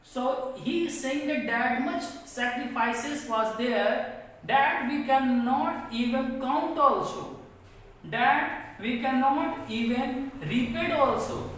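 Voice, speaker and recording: A woman teacher with an Indian English accent reads a textbook passage aloud to her students, then explains it line by line in simple words. Her voice sits high and slightly bright, and her delivery is slow and repetitive as she paraphrases each line after reading it. The recording is echoey and distant, with slight background noise.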